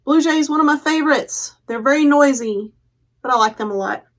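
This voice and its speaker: A children's librarian hosts storytime, reading a picture book aloud and explaining things simply for young listeners. Her voice is high-pitched, a bit bright, and fairly quick.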